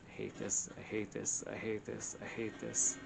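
Over video game music, a gaming channel host plays through a game with casual let's play commentary, grumbling in exasperation and swearing mildly. His voice is medium-pitched and level, with vocal fry and a moderate pace.

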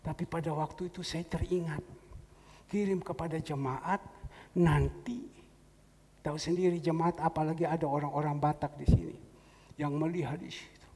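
A middle-aged pastor preaches a storytelling sermon in a church hall, speaking conversationally and acting out the voices of people he quotes. His fairly high voice is a little mellow, steady in tone and at normal speed. The hall echoes, with faint background noise.

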